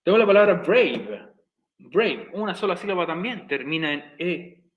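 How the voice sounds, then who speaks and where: Man, teacher, slightly high voice, slow repetitive explaining, echoey room. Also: sing-song, dull audio. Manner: slow, repeating explanations step by step. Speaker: English teacher. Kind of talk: recorded video lesson.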